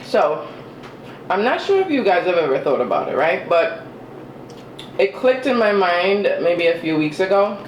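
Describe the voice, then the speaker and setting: Slow, roomy mukbang vlogger chatting. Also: mid-range voice, very animated, dull audio. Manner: eats while talking, with chewing and mm-hmm sounds; chatty and self-deprecating. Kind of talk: casual eating vlog chat. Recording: roomy with faint ambient noise.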